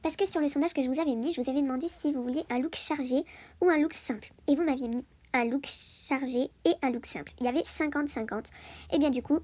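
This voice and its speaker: A woman's voice: high voice, fast talker, darkish tone. A woman giving a casual voice-over for her video, chatty and full of hesitations and fillers. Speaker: video host.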